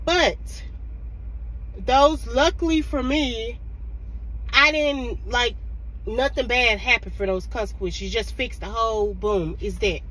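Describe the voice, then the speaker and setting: A woman's voice: on the high side, slow, fairly bright tone. A young woman vlogging from her car as a mother, chatting casually with lots of "like" fillers. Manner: rambling, full of "like" fillers, venting. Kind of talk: casual chat to camera. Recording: noisy street background.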